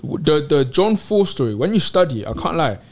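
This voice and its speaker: A man in casual faith discussion on a podcast, animated and slangy, retelling Bible stories in street talk. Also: on the high side, normal speed. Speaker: podcast co-host.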